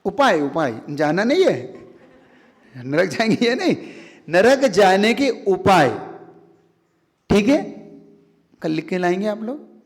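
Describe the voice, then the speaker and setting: A man with a high voice delivers a sermon, lively and pressing his listeners with rhetorical questions. His words ring out with a long reverb, as in a large hall. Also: takes it slowly, pauses often. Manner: animated, rhetorical questions to the audience. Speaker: Jain monk preacher.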